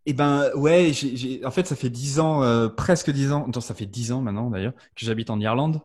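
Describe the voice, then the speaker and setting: A man's voice: medium pitch, normal speed, darkish tone. A man in his thirties, a podcast guest talking casually with many fillers and restarts. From France. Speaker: podcast guest, marketing strategist. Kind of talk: casual interview chat.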